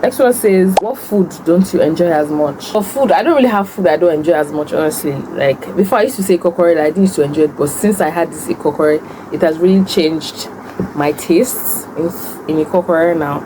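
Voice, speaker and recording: Low-voiced young Nigerian woman chatting while eating. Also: a little fast, background noise. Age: young adult. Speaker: food vlogger and host. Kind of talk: casual mukbang chat, storytelling and answering questions.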